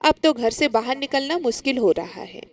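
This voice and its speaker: A woman's voice: high-pitched, animated, normal speed, no room sound. A woman voicing a spoiled, scornful young daughter-in-law who talks in an irritated way in a storybook tale.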